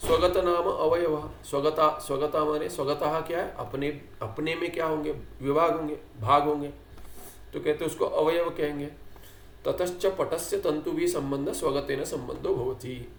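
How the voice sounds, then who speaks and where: A man teaching a scripture class, explaining with questions and little acted dialogues, and reciting Sanskrit lines slowly. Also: a little high, steady tone, creaky, roomy sound, slight background noise. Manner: quotes Sanskrit text slowly. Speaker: Vedanta teacher.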